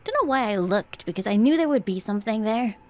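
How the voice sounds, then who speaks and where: A woman's voice: medium pitch, animated, fast talker. A woman livestreaming a horror game as a scared, jumpy streamer, chatting to viewers and exclaiming as she plays. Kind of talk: horror game livestream chat, reacting while playing.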